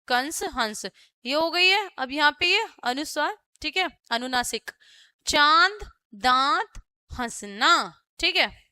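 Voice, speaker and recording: A woman's voice: sits high, bright, forceful tone, clean tone, dry recording, studio quality. A young woman teaching a grammar lesson to young children, explaining patiently step by step and checking in with the class as she goes. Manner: patient, explains step by step, often says "theek hai".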